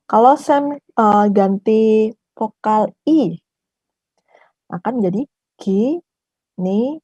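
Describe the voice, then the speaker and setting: A woman teaching an online language class, patiently repeating each syllable slowly for her learners. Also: on the high side, lively intonation, dark tone, husky, no echo, dull audio.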